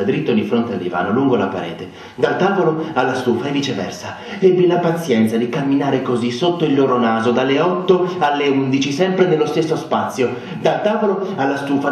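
An actor on stage playing a bitter, humiliated man who swings between low muttering and shrill outbursts. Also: a little mellow, lightly acted. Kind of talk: theatrical monologue. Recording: echoey hall, distant mic.

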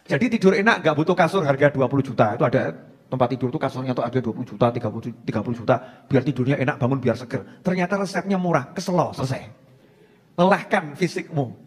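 A man's voice: mid-range voice, quick pace, slightly rough, long reverb tail. A man with a Javanese accent giving a humorous religious advice talk to a congregation. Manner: humorous, mixing in Javanese phrases. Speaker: Islamic preacher.

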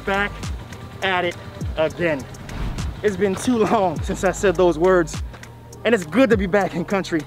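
A man's voice: high-pitched, normal speed, over music. A man in his thirties hosting a vlog to camera through a face mask, emphatic and repeating phrases for effect. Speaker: video series host. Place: outdoors on a tree-lined roadside.

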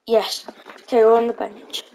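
A woman's voice: a little high, level tone, normal speed, vocal fry, warm tone, slight background noise, poor audio. A woman giving casual, hesitant commentary on her own gameplay, thinking aloud with lots of ums. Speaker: gaming channel host.

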